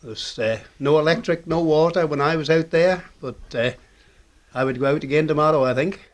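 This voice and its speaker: A man's voice: on the high side, fairly quick. An older man from the Isle of Man with a Manx accent, telling anecdotes as an interviewee. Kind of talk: anecdotal storytelling.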